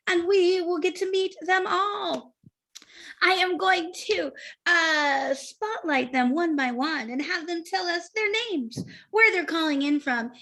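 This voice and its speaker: A woman's voice: very high voice, bright, forceful tone. A woman hosting an online improv show on a video call, upbeat, often repeating her praise. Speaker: host.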